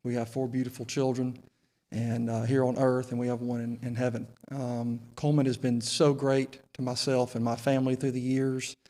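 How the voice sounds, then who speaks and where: A Southern US man in his forties makes his case as a council candidate through a face mask. His pitch is average and moves very little from phrase to phrase. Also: level tone, moderate pace, warm tone. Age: 40s. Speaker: city council candidate, incumbent. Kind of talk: candidate remarks at a local debate.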